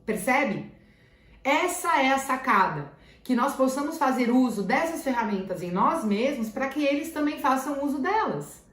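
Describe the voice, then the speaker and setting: A Brazilian Portuguese-accented woman teacher speaks to parents in a slightly raised pitch. She is earnest and hammers key phrases home through repetition. Her voice rings in a roomy, echoey space. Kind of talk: talking to parents. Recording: roomy echo.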